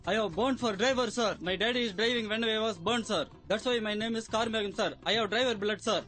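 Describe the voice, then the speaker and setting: A naive earnest candidate, very high voice, slow, bright tone. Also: male voice, steady tone, soft background music, heavily acted. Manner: earnest, broken English. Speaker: job candidate.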